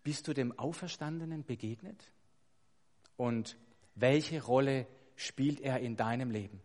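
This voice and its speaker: A man preaching a sermon, emphatic and building to loud stressed points, putting rhetorical questions to his congregation. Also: mid-range voice, a little slow. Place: church hall. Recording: long hall reverb.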